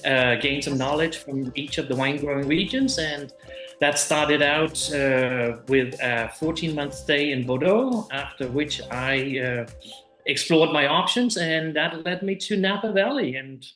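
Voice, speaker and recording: A man's voice: fairly high pitch, a little slow, reverberant, faint music behind. A man in his forties from Denmark with a Danish accent, a winemaker guest talking casually with many fillers over a video call. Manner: relaxed, hesitant with many uh fillers. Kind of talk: casual interview chat.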